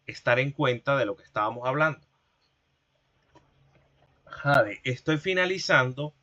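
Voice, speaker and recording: A male teacher lectures over a video call in a bright, clear voice pitched a little high. He explains slowly and methodically, repeating terms and asking rhetorical questions that he then answers himself. The sound is dry and slightly dull. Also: no room sound. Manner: slow, didactic, repeats key terms and asks rhetorical questions. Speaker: university linguistics teacher. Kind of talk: online class lecture.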